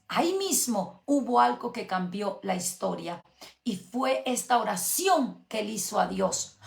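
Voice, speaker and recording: A woman preaches with passion in a fairly high voice, swinging from soft, drawn-out words to loud bursts. She speaks straight to her listeners with rhetorical questions. Her voice rings with the echo of the room. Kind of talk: sermon.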